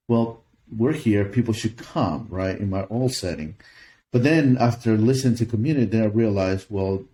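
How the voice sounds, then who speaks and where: A man's voice: on the low side, warm tone. A middle-aged man from Peru, a native Spanish speaker, answering interview questions in an earnest way, often restarting his sentences. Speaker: pastor.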